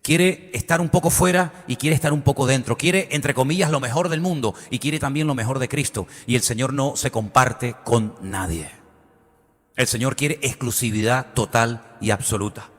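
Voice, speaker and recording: A male pastor preaching a sermon with passion, firing rhetorical questions and swinging between loud and soft. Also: mid-range voice, long reverb tail.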